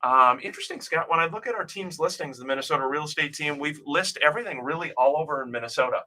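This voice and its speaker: Bright-voiced chatty male radio host. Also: on the high side, fast talker. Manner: chatty, reads out listings with many fillers. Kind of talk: casual radio talk. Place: radio studio.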